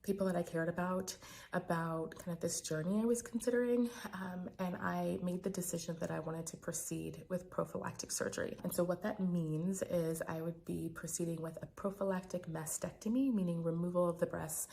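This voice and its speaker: An American woman in her thirties speaking quietly but clearly in a hesitant, reflective personal video diary as a physician vlogger. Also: on the low side, steady tone, moderate pace.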